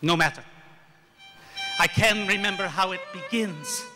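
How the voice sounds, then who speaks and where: An actor playing a gentle old-world stage manager, who introduces a story in measured, theatrical narration. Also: male voice, sits high, big-room sound, over music. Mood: wistful.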